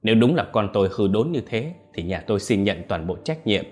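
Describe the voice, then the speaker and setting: A man voicing a calm middle-aged father who speaks in a measured, firm way. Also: fairly low pitch, lightly acted.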